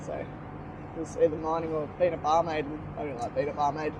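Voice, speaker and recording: A woman in her forties with an Australian accent, chatting casually about riding, slangy and quick to laugh. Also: sits low, fairly even intonation, dull audio, crowd noise. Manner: laid-back, slangy, laughs often. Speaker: podcast guest, motorcycle rider. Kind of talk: casual chat.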